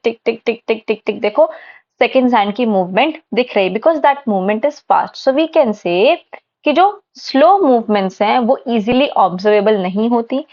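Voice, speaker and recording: A woman teaching a science lesson, explaining step by step and asking her class questions that she answers herself. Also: a little high. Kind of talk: classroom lecture mixing Hindi and English. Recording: dull lo-fi recording.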